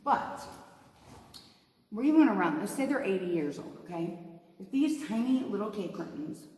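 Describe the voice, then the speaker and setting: A woman's voice: mid-range voice, sing-song, moderate pace, dark tone. Echoing cave guide, a chatty woman. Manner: chatty, folksy, addresses group as "you guys". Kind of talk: informal guided tour talk to a group. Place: inside a large underground cave. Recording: echoing cave with long reverb, faint noise.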